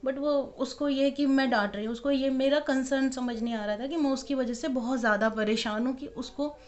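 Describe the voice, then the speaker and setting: A woman's voice: sits high, fairly even intonation, fairly quick, darkish tone. A young woman, a mother of twins, telling an emotional story in a casual home vlog, worried and acting out the dialogue. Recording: dull lo-fi audio.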